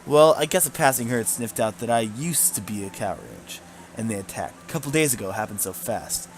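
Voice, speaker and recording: A man's voice: lowish voice, lively intonation, brisk, soft background music. A man reading as a bitter grieving woman rancher. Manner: bitter, blunt, rural grammar.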